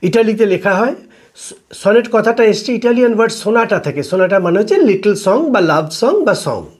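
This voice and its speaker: A man gives a poetry lecture in a fairly high voice. He talks with many pauses and fillers, and he slows right down when he reads lines of English verse. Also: lively intonation. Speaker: literature teacher.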